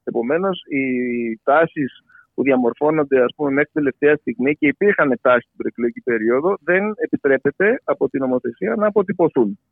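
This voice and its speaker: Man, somewhat high pitch, halting analytical interviewee, searching for words, narrow phone audio, dry. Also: lively intonation, creaky, dry recording. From Greece. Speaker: pollster and election analyst giving an interview. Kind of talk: spontaneous political analysis in an interview. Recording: tinny, band-limited phone line.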